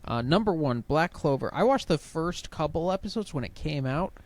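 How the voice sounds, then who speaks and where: A man co-hosting a podcast, telling stories in relaxed casual chat, laughing lightly and repeating words as he starts. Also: a little high, moderate pace. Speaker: podcast co-host.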